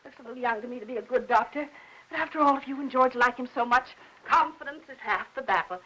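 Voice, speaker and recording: A high fussy older aunt. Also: female voice, fast talker, sharp tone, low-quality recording. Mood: fussing chatter. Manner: rambling, prying, fussing talk. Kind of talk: 1950s film acting.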